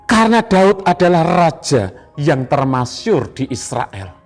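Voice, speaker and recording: A man with an Indonesian accent delivers an evening devotional sermon in a fairly high voice. He speaks very slowly and leans on repeated phrases for emphasis. Soft music plays faintly behind him. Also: sing-song. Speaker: pastor.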